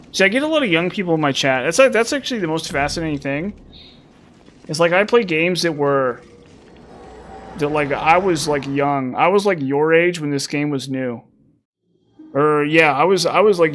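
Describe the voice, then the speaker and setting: A man in his thirties with a fairly high-pitched voice chats and rambles casually to his viewers while streaming a game. There is slight background noise.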